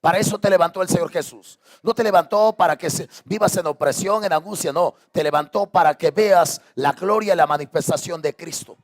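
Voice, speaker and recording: Impassioned preaching man, higher voice. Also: fairly quick, few pauses. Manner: impassioned preaching, repeated rhetorical questions. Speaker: pastor. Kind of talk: sermon. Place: church sanctuary.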